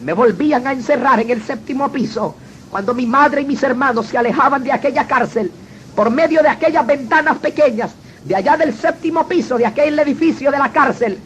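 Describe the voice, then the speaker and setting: A man's voice: extremely high pitch, fairly quick, fairly bright tone. A man telling his personal testimony in an earnest, dramatic storytelling manner. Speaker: testimony speaker. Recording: dull lo-fi recording with faint noise.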